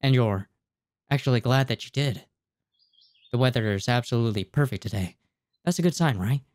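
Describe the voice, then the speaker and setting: A man in his twenties streams a let's play from a small gaming room, reading game text aloud and reacting casually, tripping over words now and then. His voice sits at medium pitch with a darkish tone and a normal speed, picked up by a close desk mic while he wears a headset. Game music plays behind him.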